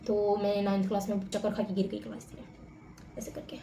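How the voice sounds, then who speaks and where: A young woman talks fast and chattily to her viewers, spinning stories in an animated, familiar way. Her voice sits mellow and dark in tone. An echoey room surrounds her, with a faint background hum. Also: medium pitch. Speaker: vlogger. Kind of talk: casual storytelling to camera.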